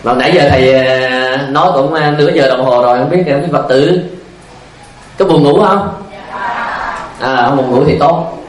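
This dharma talk comes from a male Buddhist monk whose medium-pitched voice moves at a moderate pace, broken by long pauses. His sermon leans on anecdotes, repetition, and rhetorical questions. The sound is roomy and the recording is poor.

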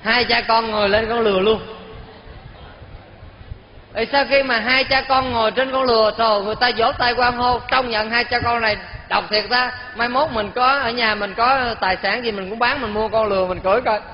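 High-voiced Southern Vietnamese teacher in a hall. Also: male voice, normal speed, slight background noise. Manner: lively, keeps quizzing the audience. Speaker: Buddhist teacher. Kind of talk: storytelling sermon to an audience. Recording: dull sound in a reverberant hall.

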